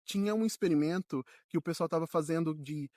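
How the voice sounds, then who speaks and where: Young Brazilian man, casual heartfelt solo talk, slightly high voice, dry close sound. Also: a little fast, a little mellow, no room sound. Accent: Brazilian Portuguese. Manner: earnest, informal, swears freely. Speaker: solo podcaster.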